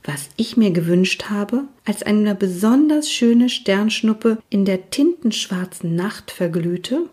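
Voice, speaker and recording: Eccentric, playful storybook teacher, breathy and hushed in places, read by a woman. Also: mid-range voice, lively intonation, takes it slowly. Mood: mysterious. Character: quirky cheerful adult woman teacher from Scotland.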